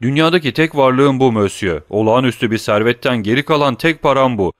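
A man's voice: medium pitch, a little fast, no echo, studio quality, pitched above the performer's own voice, natural voice. A man voicing a desperate, greedy captive banker in an audiobook, pleading and agitated.

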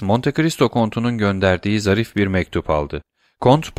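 Sesli kitap anlatıcısı, pes sesli erkek, kuru kayıt. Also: male voice, fairly low pitch, no echo, studio quality. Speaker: audiobook narrator. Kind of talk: scripted literary narration.

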